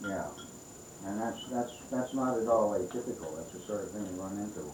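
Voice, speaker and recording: A man chatting at a dinner table, halting and full of restarts as he explains something. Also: on the low side. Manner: halting, with many restarts and fillers. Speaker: dinner guest. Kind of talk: casual dinner-table chat. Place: room in a house at dinner. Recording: echoey room, noisy home recording.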